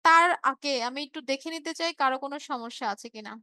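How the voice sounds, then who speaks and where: A woman's voice: high voice, quick pace, pushed and bright, no room sound. A woman teacher from Bangladesh giving an online revision class, explaining patiently, repeating key words and checking in with her students.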